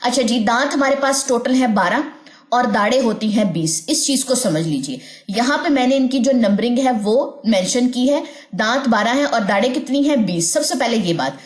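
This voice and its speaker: A woman with a Pakistani Urdu accent teaches a tajweed lesson over slides, explaining patiently and drawing out each letter sound slowly. Her voice sits a little on the high side. The room around her sounds echoey. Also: expressive. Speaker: Quran recitation teacher.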